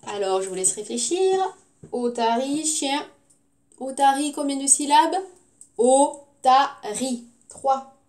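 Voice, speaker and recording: A tired woman teaching young children, slow and patient, stretching out her words. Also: high-pitched, a little mellow. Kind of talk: classroom lesson for young children.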